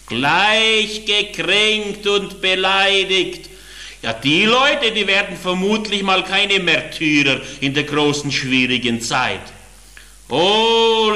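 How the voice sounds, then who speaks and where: A man preaching a sermon as an evangelist, telling anecdotes and swinging from quiet asides to loud, fervent exclamations. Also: on the high side. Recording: echoey hall.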